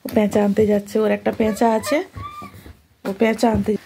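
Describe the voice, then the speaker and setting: A young woman reading a picture book to her toddler, making animal sounds in a sing-song way and stopping now and then to explain calmly. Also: medium pitch, a little fast, gravelly, slight background noise. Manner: turns aside to explain calmly. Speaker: mother.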